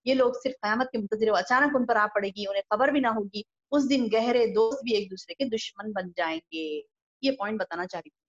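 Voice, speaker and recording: In a dull, lo-fi recording, a woman who teaches the Quran explains scripture one verse at a time. She speaks expressively, lifting her voice for each quoted verse and sinking low whenever she makes an aside.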